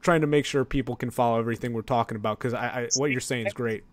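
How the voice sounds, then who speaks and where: A man's voice: medium pitch, steady tone, fast talker, no room sound. A man hosting a casual interview, stammering and repeating words as he follows along. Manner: stammering, frequent backchannel. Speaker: host.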